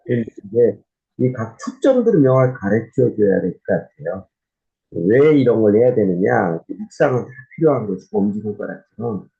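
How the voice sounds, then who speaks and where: A male pastor giving a conversational church teaching, often pausing on fillers and restarting his sentences. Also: fairly low pitch, big pitch swings, creaky, mellow, highs cut off.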